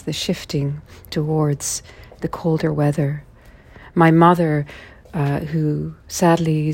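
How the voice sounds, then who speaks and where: Low-voiced, slow-talking woman host. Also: a little mellow, slightly rough. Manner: unhurried and musing, with small self-corrections. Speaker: host of a listening series. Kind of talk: unscripted spoken introduction. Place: indoors in Toronto.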